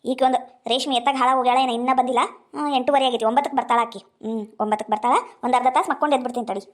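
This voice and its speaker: A woman acting out an old village granny who mutters and fusses to herself in a soft, unhurried voice. She has a North Karnataka Kannada accent, and her tone sits a little high for an old woman. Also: steady tone, lightly acted. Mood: fussing. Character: fussy elderly village grandmother, eager mother of the groom.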